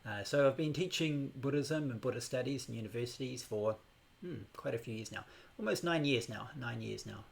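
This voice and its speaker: A middle-aged man with a gravelly, creaky edge to his voice. He introduces a live-streamed meditation class in an unhurried way, with frequent pauses and hesitations. His pitch sits in a middle range. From New Zealand. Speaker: meditation teacher. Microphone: new microphone on a laptop setup.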